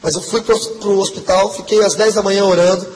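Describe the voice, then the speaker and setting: A man's voice: high voice, fairly even intonation, brisk. A man giving an earnest, emotional testimony sermon to a congregation. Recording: long hall reverb, faint background noise.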